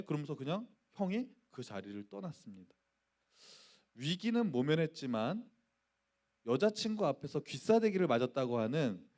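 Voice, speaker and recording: A man's voice: fairly high pitch, a little mellow. A middle-aged man, a pastor, giving a youth sermon in a church and telling a story while acting out the voices in it. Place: church sanctuary.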